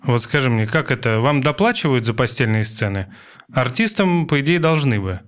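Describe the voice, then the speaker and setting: A man in his forties hosting a casual chat, telling stories and thinking aloud with many pauses. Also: mid-range voice, animated. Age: 40s. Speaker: podcast host.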